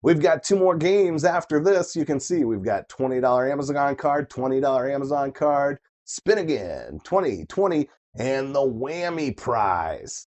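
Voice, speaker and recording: A man working as a bingo caller, hosting a live game with playful, excitable showmanship, repeating the numbers and chatting casually with players. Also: mid-range voice, a little slow, hardly any pauses, dull audio. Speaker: bingo caller and host of a live online bingo night. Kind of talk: bingo caller, calling numbers twice amid casual chat.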